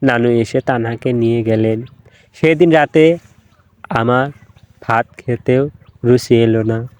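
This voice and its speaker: Slow, smooth-voiced male story narrator. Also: mid-range voice, a little mellow. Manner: slow, measured, voicing each character's dialogue.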